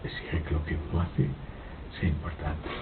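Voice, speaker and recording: A man giving a slow, reflective philosophical talk, halting and repeating his words, with frequent rhetorical questions. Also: monotone, distant mic. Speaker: spiritual speaker giving a talk. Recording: old lo-fi tape, phone-like, noisy with rumble.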